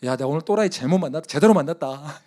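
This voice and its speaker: Brief: a male preacher playing an enraged middle-aged man, high-pitched and loud, yelling reprimands at a stranger. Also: lively intonation, quick pace, close to an everyday voice. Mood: laughing scorn. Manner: shouting, scolding. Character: furious middle-aged man cursing over a dented luxury car.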